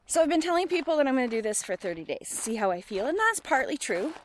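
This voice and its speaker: A middle-aged woman speaks fast in a high-pitched, very animated voice during a rambling, casual personal vlog. She keeps questioning herself with emphasis. Her handheld phone, held at arm's length, picks up a little hiss or hum.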